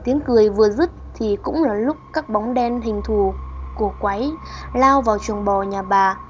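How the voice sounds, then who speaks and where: A woman narrating a folk horror story in a steady storytelling voice, in a dull lo-fi recording. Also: medium pitch, normal speed. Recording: dull lo-fi audio with faint hiss.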